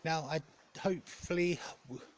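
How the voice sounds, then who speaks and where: Halting, higher-pitched man rambling casually. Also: a little hiss or hum. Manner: hesitant, halting, self-correcting. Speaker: gaming content creator. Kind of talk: casual vlog update, rambling talk.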